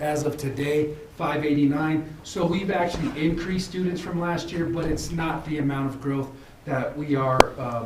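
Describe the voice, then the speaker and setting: A man, a high school principal who is losing his voice, presents at a school committee meeting in a halting way, full of fillers and restarts. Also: a little hiss or hum. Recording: echoey room from far off.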